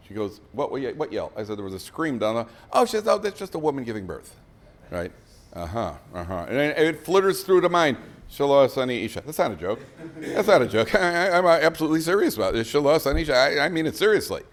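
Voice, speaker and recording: A middle-aged man giving a guest rabbi's humorous Torah talk to a live audience at a breakfast event. He jokes facetiously and often restarts his sentences. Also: medium pitch. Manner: joking, facetious, with frequent restarts and asides.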